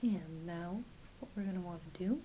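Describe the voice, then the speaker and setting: In a soft-spoken, frequently whispered ASMR roleplay, a woman plays a doctor comforting a patient gently, though with some hesitancy. Her voice sits on the low side and moves at a moderate pace. Background hiss is clearly audible.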